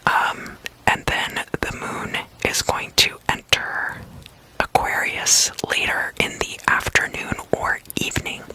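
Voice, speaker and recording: A speaker giving a whispered astrology forecast, talking slowly and thoughtfully with frequent pauses and fillers. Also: sharp tone, poor audio. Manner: whispering throughout; slow, thoughtful, with many fillers.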